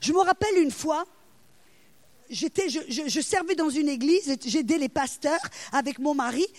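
A woman with a high voice preaches with lots of energy. She tells stories, slips into the voices of the people in them, and sometimes lets out a loud cry. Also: normal speed, dry recording. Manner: animated, acts out voices, cries out loud. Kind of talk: sermon with storytelling.

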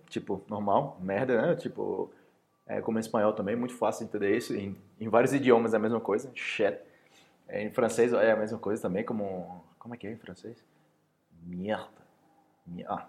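A Brazilian man with a Brazilian Portuguese accent, teaching language in a casual podcast lesson and acting out lively example phrases. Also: on the low side.

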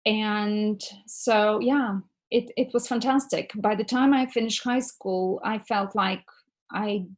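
A woman's voice: mid-range voice, steady tone, slow pace. A woman in her forties from Bulgaria, speaking with a Bulgarian accent as a ceramics teacher interviewed on a podcast. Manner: thoughtful, speaks with some fillers.

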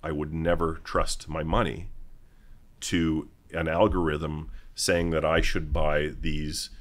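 As an interview guest, a middle-aged mining company executive from Canada, raised in Vancouver, answers questions in a very low, level voice. His delivery is halting and deliberate, with many stops and restarts as he works through his points.

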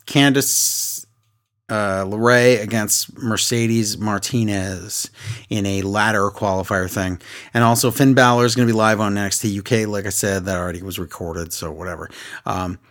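A middle-aged man co-hosting a podcast, recapping shows in casual chat in an animated, jokey way. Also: on the low side. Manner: animated, jokey, acts out quotes. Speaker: podcast co-host.

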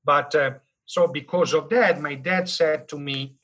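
A man in his fifties from northern Italy with an Italian accent, telling stories as an interview guest in an animated, joking way with many fillers. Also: a little high, unhurried, breathy edge, low-quality recording. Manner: animated, jokey storyteller with frequent fillers. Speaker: guest, business school dean. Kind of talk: casual interview storytelling.

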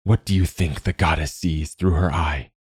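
A man voicing a gentle, wise older male guide who speaks slowly and in a fatherly way. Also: a bass voice, fairly even intonation, slightly rough, no echo, clean studio sound, full character voice. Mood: solemn. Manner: slow, fatherly, calls the youth lad.

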